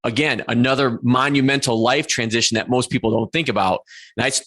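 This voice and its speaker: A man's voice: medium pitch, fairly quick, a bit bright. A man in his forties hosting an interview, talking earnestly and restarting his sentences often. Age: 40s. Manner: earnest, self-correcting with frequent restarts. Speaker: podcast host. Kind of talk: conversational interview.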